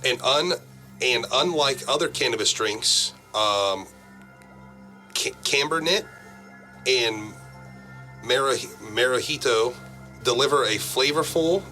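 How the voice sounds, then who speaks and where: A man's voice: medium pitch, expressive, takes it slowly, long pauses, bright, forceful tone, faint music behind, rough recording. A man co-hosting a casual show, reading news aloud in a laid-back way and tripping over words. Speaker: podcast co-host reading news. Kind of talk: casual chat.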